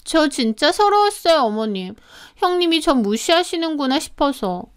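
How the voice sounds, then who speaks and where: Give me a woman voicing a two-faced young sister-in-law, soft and wheedling, for a radio drama. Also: high-pitched, sing-song, normal speed, pitched above the performer's own voice. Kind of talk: Korean story radio drama.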